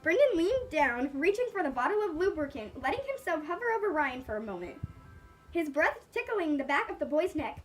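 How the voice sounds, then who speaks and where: A woman's voice: sits high, sing-song, brisk, distant mic, soft background music, rough recording. A woman reading fan fiction aloud as a live reaction, stumbling on words and breaking off to joke.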